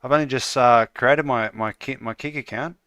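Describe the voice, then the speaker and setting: An Australian man chatting casually with viewers while building his game on a livestream, relaxed and full of "uh" fillers. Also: medium pitch, moderate pace, clear, resonant tone, no room sound. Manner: relaxed, lots of "uh" fillers, calls viewers "mate".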